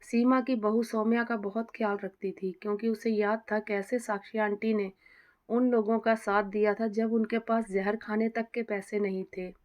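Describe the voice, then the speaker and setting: A woman narrating an emotional audio story in a steady, earnest storytelling manner. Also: mid-range voice, moderate pace.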